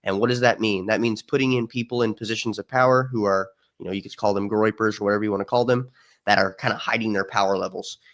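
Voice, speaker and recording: A man's voice: lowish voice, quick pace. A man speaking as a guest in a casual chat, telling stories animatedly and acting out quoted people. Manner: animated storyteller, acts out quotes.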